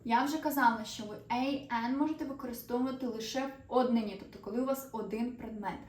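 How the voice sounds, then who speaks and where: A woman's voice: a little high, fast, a little mellow. A woman teaching a grammar lesson to viewers, explaining patiently and putting questions to them. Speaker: English teacher. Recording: echoey room, voice a little far from the mic.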